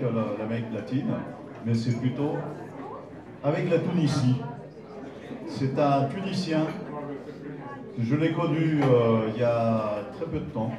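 A man hosting an exhibition opening, welcoming guests and introducing the artist in a halting way with many fillers. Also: medium pitch. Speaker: event host. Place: large glass-walled hall, indoors. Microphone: mic on a stand, filmed from a distance. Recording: echoey hall, mic far off, crowd.

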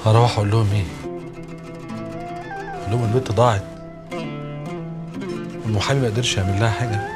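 A man's voice: fairly low pitch, natural voice. An actor playing a weary, troubled man called captain who despairs and pleads, speaking with an Egyptian accent. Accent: Egyptian Arabic. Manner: despairing, rising into anguished outbursts. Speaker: lead actor in a film. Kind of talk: Egyptian film drama. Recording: film soundtrack with music underneath.

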